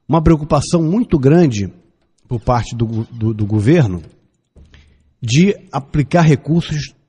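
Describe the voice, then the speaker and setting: This is a man in his fifties from Brazil, speaking in a radio studio and pressing his opinions home through repeated lines and rhetorical questions. His pitch is fairly high, while the tone is darkish with a breathy edge.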